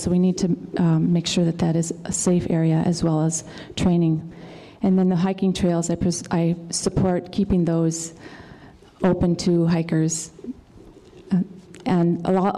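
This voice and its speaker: A woman candidate answering a forum question in a measured, methodical way, going through each point in turn. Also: on the low side, warm tone. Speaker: political candidate. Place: indoor community meeting room.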